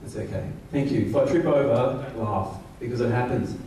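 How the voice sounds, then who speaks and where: On stage in a big event hall, a fortysomething Australian executive delivers a self-deprecating, jokey rally speech loaded with fillers. He speaks fairly quickly at a medium pitch. The recording is distant and echoey, with the crowd audible.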